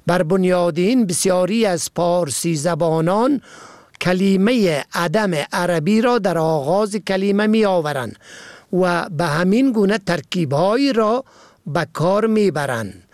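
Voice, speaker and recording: A man reads a vocabulary and usage lesson, measured and precise, spelling words out letter by letter. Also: high voice, lively intonation, a little mellow, dry recording, clean studio sound. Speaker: language teacher.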